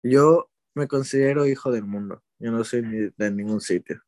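A young man from Ecuador speaks casually as an interviewee, relaxed and a bit rambling, hesitating and correcting himself as he goes. His voice is medium-pitched at a moderate pace. The studio-quality recording has no room sound.

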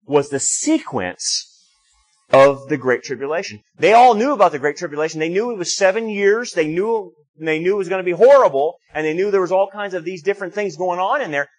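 Male pastor, fairly high voice, teaching sermon, explains and restarts often. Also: poor audio.

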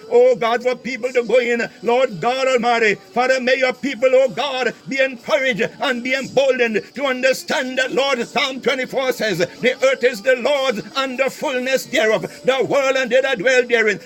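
A man with a very high voice pours out a fervent prayer, stacking one invocation on another and slipping into tongues. Soft music runs under him as he climbs into shouts. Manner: rapid repeated invocations, speaking in tongues, bursts of shouting. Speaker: prayer leader.

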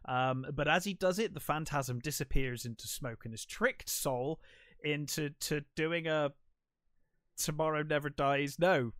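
Animated man in dry close sound. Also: fairly high pitch, a little slow, no echo. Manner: animated, swears casually, acts out quotes. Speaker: podcast co-host. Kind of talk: casual film review chat.

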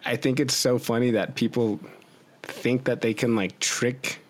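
A man of medium pitch chats loosely on a podcast, piling on filler words and laughing easily. He voices the body's inner thoughts as playful asides to make his points. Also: fairly even intonation, unhurried. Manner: loose and chatty, lots of "like" and "you know", acts out the body's inner voice. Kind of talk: casual chat.

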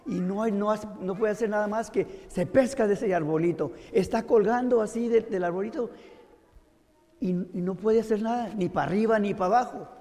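A man's voice: high voice, a little fast, dark tone, long reverb tail. A man preaching a sermon, telling a story and often asking his listeners rhetorical questions.

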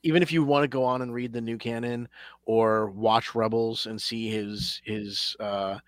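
A man's voice: on the low side, steady tone, moderate pace, no room sound, studio quality. A man co-hosting a podcast, earnestly recommending something in casual chat. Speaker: podcast co-host.

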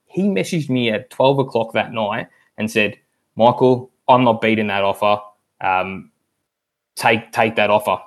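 A man's voice: lowish voice, a little slow. A man in casual podcast chat, rambling through a long story with many ums. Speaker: league member guest.

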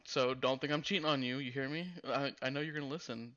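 A man's voice: mid-range voice, steady tone, a bit bright. Joking man on a dull lo-fi mic. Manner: joking, halting, lots of "uh" and restarts. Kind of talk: casual chat, improvised storytelling. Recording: dull lo-fi sound.

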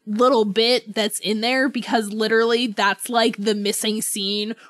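Her voice sits fairly high with little pitch movement, a bit bright and a little slow, on a dry recording. As a podcast co-host, she talks books casually and informally, laughing easily as she goes.

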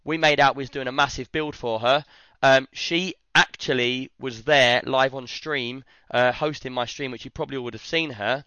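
Hoarse British man hosting a livestream. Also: medium pitch, fairly even intonation, normal speed, few pauses, sharp tone, no echo. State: hoarse, voice worn out. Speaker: livestream host. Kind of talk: casual livestream chat. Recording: slightly dull, lo-fi stream audio.

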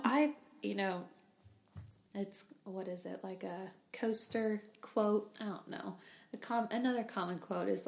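A woman's voice: medium pitch, gravelly. A woman co-hosting a podcast, chatty and playful, laughing easily in casual talk. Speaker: podcast co-host. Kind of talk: casual chat.

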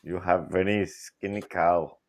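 A man from the United Kingdom phones in to a talk show. He trades deadpan, absurd jokes in broken English, and his voice sits very low. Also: a little slow. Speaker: caller, fellow podcaster. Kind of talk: joking call-in banter.

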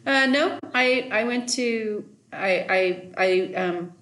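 A woman's voice: a little high, slow, a bit bright, echoey room. A woman in her late fifties from Oklahoma, a business owner answering interview questions in a friendly, matter-of-fact way. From Oklahoma, USA. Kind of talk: conversational interview.

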